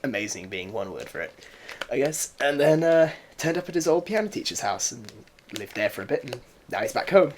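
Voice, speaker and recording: A man's voice: mid-range voice, sing-song, fairly quick, hardly any pauses, slight background noise. A young English man co-hosting a podcast, rambling through stories in casual chat with many fillers and laughs. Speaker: podcast co-host.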